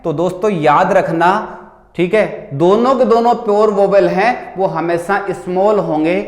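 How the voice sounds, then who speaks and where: A man with a fairly high voice talks through a test paper as a teacher, with a Rajasthani accent. He explains step by step, putting questions to the class and answering them himself. His voice rings in a roomy, echoing space. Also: unhurried. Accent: Rajasthani Hindi. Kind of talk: exam paper solution lesson. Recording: echoey room.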